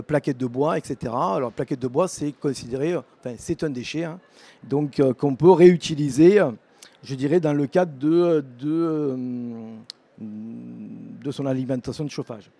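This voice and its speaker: A man's voice: fairly high pitch, vocal fry, warm tone, no room sound. A middle-aged man with a southern French accent giving a conference talk about a vocational program, hesitant and full of filler words and restarts. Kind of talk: conference talk at an education fair.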